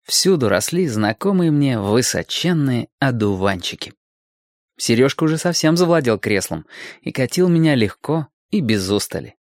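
Male audiobook narrator, calm and reflective, mid-range voice in a dead-dry booth. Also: medium pitch, normal speed, dry recording.

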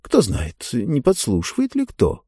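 A man voicing a talking book, a chatty and knowing female character, in an audiobook, in a lively, confiding storyteller tone. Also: medium pitch, unhurried, slightly rough, no room sound, studio quality, heavily acted. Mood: sly.

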